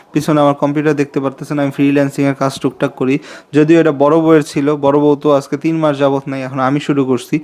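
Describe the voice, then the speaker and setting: Chatty young man pleading for subscribers. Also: fairly high pitch. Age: 20s. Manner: chatty and confiding, repeats himself, pleads for subscribers. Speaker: vlogger. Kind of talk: casual talking-to-camera vlog.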